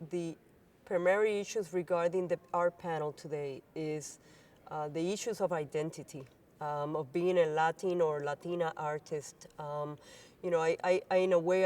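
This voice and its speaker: A woman's voice: sits low, fairly even intonation, unhurried, a little mellow, clear, resonant tone, far from the mic. A woman born in Cuba and raised in Puerto Rico, speaking as an artist on a panel in searching, hesitant phrases. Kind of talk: unscripted panel remarks. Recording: voice somewhat off-mic.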